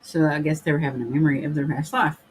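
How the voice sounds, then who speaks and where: A man hosting a casual podcast, talking in a rambling way full of fillers and clearing his throat now and then. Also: fairly high pitch, fairly even intonation, fast talker, slight background noise, low-quality recording. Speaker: podcast host. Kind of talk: casual chat, reading viewer comments.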